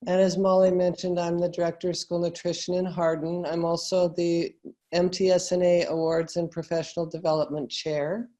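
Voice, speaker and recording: An American woman with a croaky frog voice, giving a webinar presentation as a guest speaker. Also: fairly low pitch, little pitch movement, moderate pace, warm tone. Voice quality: croaky, froggy voice. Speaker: guest presenter, school food service director. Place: remote online webinar.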